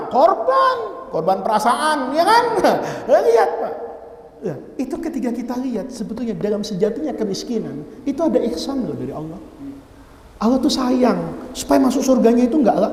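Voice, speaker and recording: A man's voice: very high-pitched, big pitch swings, moderate pace. A man preaching a humorous sermon in a mosque, teasing the congregation by name as he teaches a classical text. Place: mosque hall. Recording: echoey mosque hall with long reverb.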